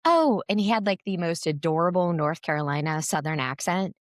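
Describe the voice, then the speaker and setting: Chatty, rambling low-voiced woman. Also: fairly quick, dry recording, clean studio sound. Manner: rambling storyteller, many fillers and restarts. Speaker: podcast co-host. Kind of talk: casual chat.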